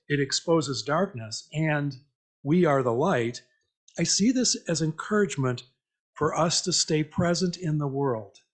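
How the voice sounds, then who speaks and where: Addressing a congregation at a church meeting, a higher-voiced lay preacher gives a conversational sermon. He reflects aloud, asks the people questions, and repeats their answers back.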